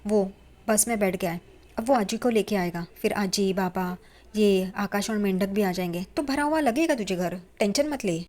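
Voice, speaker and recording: A woman's voice: medium pitch, normal speed, darkish tone, lightly acted. A woman voicing a cheeky young man who fancies himself an amateur detective, teasing and joking as he talks.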